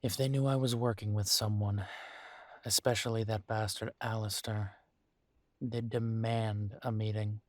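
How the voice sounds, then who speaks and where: Voicing a protective werewolf leader for an intimate roleplay audio drama, a man speaks low and deliberately, pausing often, sounding earnest, weary, and determined. The acting is light, with little pitch movement and a darkish tone, in a dry, close recording. His mood is wary and brooding.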